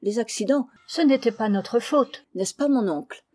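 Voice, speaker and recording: Lady doing an excited little boy, higher voice. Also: moderate pace, close to an everyday voice. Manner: eager and breathless. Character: eager excited young boy.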